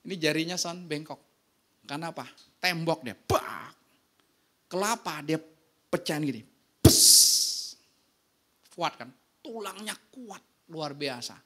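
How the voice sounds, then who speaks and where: A pastor preaching a casual, lively sermon, telling stories and often checking in with the congregation. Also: male voice, on the high side, unhurried, pauses often. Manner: casual, slangy preaching with anecdotes.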